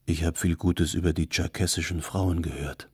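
Man playing a serious shy suitor, reserved, low voice, gravelly. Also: steady tone, moderate pace, a little mellow, dry recording, studio quality, exaggerated voice. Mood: earnest. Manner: earnest, reserved.

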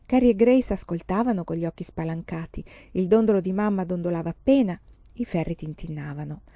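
A woman narrates a novel aloud in a slow, calm, expressive way. Her voice is warm and mellow. The recording is dry, close and somewhat dull. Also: lowish voice, no echo. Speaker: audiobook reader. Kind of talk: scripted narration.

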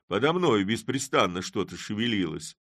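Man putting on a raised, lively, boisterous Cossack for a storybook reading; mocking and loud. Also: fairly low pitch, normal speed, no echo, studio quality, heavily acted. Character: boisterous middle-aged Cossack man, blustering and sly.

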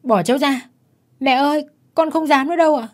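A woman's voice: sits high, a little fast, pitched above the performer's own voice, natural voice. A woman voicing a terrified little boy who wails and begs for mercy in a spoken story. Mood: pleading, terrified. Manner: wailing, begging.

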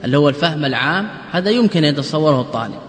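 A man's voice: fairly high pitch, expressive, very fast. A man teaching a class as an Islamic scholar. He asks his students questions, answers them himself, and repeats words as he explains. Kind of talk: classroom lecture on jurisprudence and grammar. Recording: echoey hall recording.

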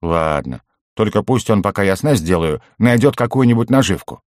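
A man's voice: on the low side, expressive, darkish tone, no room sound, clean studio sound, natural voice. Field: older squad leader. Figure: a man doing a folksy old soldier. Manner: unhurried, folksy. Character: steady older male squad leader, easygoing.

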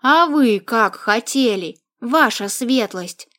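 A bossy, confident young matchmaker, as a woman reads her out with a fairly high voice. She speaks emphatically and lectures, at a slow and deliberate pace, as in a read-aloud storybook. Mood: assertive.

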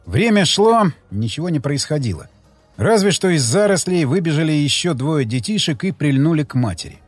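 A man narrating a tense first-person story in an expressive reading voice. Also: on the high side, normal speed, no room sound. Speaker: audiobook narrator. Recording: dry close mic with faint music.

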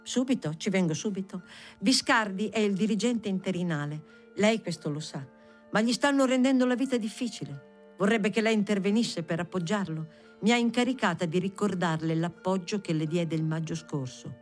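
A reader voicing a chatty, unperturbed young woman with a shrill voice and a pushy, rambling way of talking in an audiobook. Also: normal speed, faint music behind, close to an everyday voice. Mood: insistent. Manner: talkative, rambling, overly familiar.

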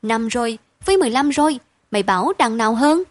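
A woman's voice: a little high, animated, no room sound, lightly acted. A woman reading aloud and voicing a spirited poor village girl, the eldest sister, blunt and caring. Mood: matter-of-fact. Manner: brisk, blunt and matter-of-fact.

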